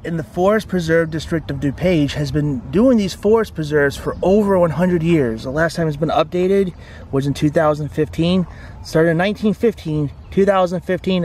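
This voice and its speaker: A man's voice: on the high side, a little mellow, a little hiss or hum. A man hosting a casual travel vlog, narrating a walk around a lakeside forest preserve with chatty, tour-guide commentary. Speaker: vlog host.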